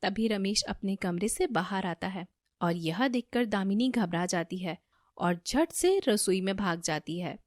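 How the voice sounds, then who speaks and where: A woman narrating a family moral story for a cartoon in a steady, even manner. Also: medium pitch, a little slow, dry recording, studio quality.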